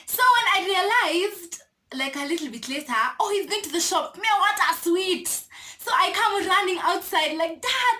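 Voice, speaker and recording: Bright, high-voiced Kenyan woman storyteller. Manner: animated, laughing, mixes in Swahili slang. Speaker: vlogger. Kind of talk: casual storytime.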